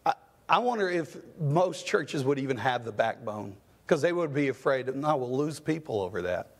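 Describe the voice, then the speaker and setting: A man's voice: medium pitch, big pitch swings, moderate pace. A man preaching a sermon as pastor in a church, impassioned, with rising questions and stammered restarts. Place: church sanctuary.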